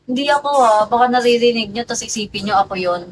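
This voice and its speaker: A young woman hosting a livestream, hoarse, teasing her viewers and quickly laughing off her own remarks with apologies. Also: on the high side, slight background noise, rough recording. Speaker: livestream host. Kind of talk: casual livestream chat with viewers.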